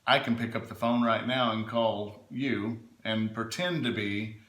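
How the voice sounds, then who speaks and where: Bright-voiced man advising, in an echoey room. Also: fairly low pitch, measured pace. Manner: emphatic, checks in with "right?" and "okay?". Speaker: legal adviser being interviewed. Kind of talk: informal explanatory interview answers.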